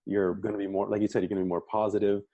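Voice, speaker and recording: This man hosts and coaches on a fitness podcast, racing through casual chat with his guest, backing him up and repeating words mid-thought. His fairly low voice barely moves in pitch, and the audio is narrow and tinny, with no room sound.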